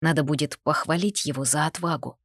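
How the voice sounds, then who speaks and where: A woman narrating a first-person fantasy romance audiobook, expressive and intimate. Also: low voice, brisk, dry recording.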